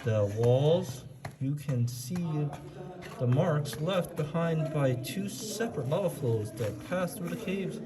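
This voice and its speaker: Man, cave echo, long reverb, lively pitch, slow teasing talk. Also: crowd noise. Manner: playful, teasing with fake scares. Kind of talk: casual tour chat, reading signs aloud. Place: dark lava tube cave.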